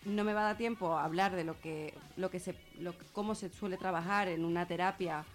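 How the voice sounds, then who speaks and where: A woman with a Spain Spanish accent speaks a little fast in a fairly low, steady voice over soft background music. As an informal radio guest discussing feminist therapy and gender violence, she explains things reflectively and repeats words for emphasis.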